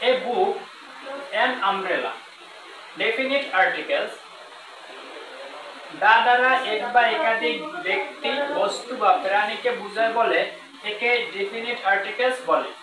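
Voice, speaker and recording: An English teacher giving a grammar lesson, repeating each rule and reading example sentences slowly. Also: medium pitch. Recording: roomy, distant mic with faint noise.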